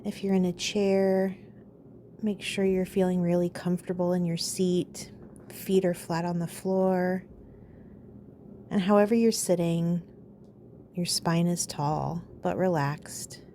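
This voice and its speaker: Soft and calm, a woman's voice walks the listener through a meditation, never rushing and leaving gaps between phrases. It's pitched low, with a touch of hum or hiss audible.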